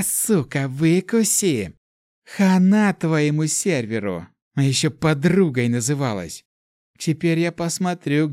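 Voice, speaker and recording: A man voicing a hot-tempered dragon elemental in the form of a young girl, shouting and swearing. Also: sits high, no echo, clean studio sound, voice pushed up.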